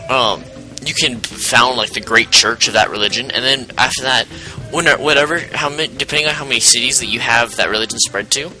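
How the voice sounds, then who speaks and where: A man's voice: mid-range voice, brisk, sharp tone, rough recording. Chatty man explaining a strategy game. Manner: rambling, chatty, explains game mechanics with self-interruptions. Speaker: gameplay commentator. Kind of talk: casual let's play commentary. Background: game music.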